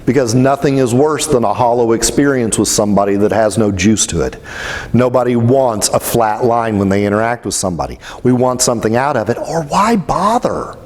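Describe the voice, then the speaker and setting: A man's voice: mid-range voice, animated, fairly quick, darkish tone, long reverb tail. A man giving a motivational talk, telling stories in a blunt, casual way. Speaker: spiritual speaker.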